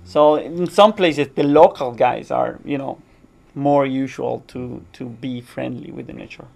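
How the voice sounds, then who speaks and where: A man with a Cuban accent and Spanish as his first language answers as a guest expert. His voice is medium-pitched with heavy creak. His English comes haltingly, with non-native phrasing. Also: darkish tone. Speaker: guest shark researcher.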